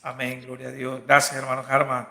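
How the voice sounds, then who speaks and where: A man's voice: medium pitch, completely flat delivery, brisk, gravelly, sharp tone. A man hosting a church discussion program, welcoming his guests and speaking with many fillers. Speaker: host. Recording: echoey room.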